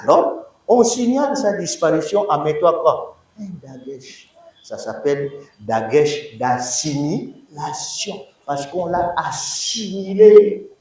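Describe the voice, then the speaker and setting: Male lecturer, slightly high voice, lively and drawn out, recorded from afar in a roomy hall. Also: slow pace. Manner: animated teacher, repeats key words, quizzes the class, slips into Lingala. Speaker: Biblical Hebrew lecturer. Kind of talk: university lecture. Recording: roomy echoing hall, voice from far off.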